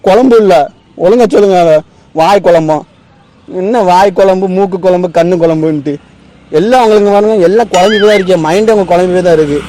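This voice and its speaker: A man's voice: sits high, quick pace, dark tone, low-quality recording. A man, pranking strangers at a roadside in a pestering, insistent and theatrical way. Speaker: prankster host. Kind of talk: street prank banter. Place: roadside outdoors with traffic. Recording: street traffic noise.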